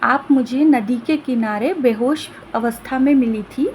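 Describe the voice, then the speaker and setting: A woman voicing a gentle, soothing royal maiden. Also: a little high, unhurried, slight background noise, close to an everyday voice. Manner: soothing, polite, formal reassurance. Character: gentle young princess-like woman of a golden kingdom.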